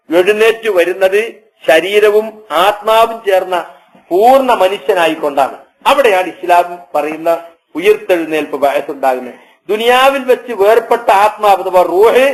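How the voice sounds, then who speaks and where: A man preaching a sermon, chanting Arabic verses slowly, then explaining them and asking the listeners questions. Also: high-pitched, rough recording. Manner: rhetorical questions to the audience. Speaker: Islamic preacher.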